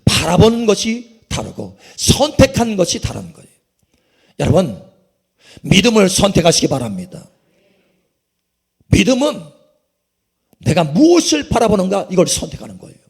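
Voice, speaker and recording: Lively gravelly Korean pastor preaching. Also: male voice, moderate pace, pauses often. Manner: emphatic preaching, sweeping pitch swings. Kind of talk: sermon.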